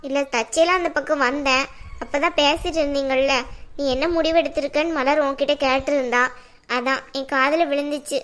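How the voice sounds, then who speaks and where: [name], a woman voicing a gentle younger sibling. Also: sits high, steady tone, brisk. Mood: concerned. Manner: gentle, concerned questioning. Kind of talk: cartoon voice acting.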